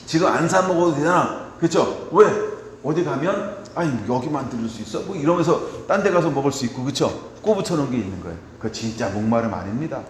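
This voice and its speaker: A middle-aged man preaching a sermon as pastor, chatty and personal, often checking with the congregation and swinging between soft asides and loud emphatic points. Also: mid-range voice, expressive, brisk. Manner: conversational preaching, frequent rhetorical "right?" checks. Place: church sanctuary. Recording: echoey church hall with faint background noise.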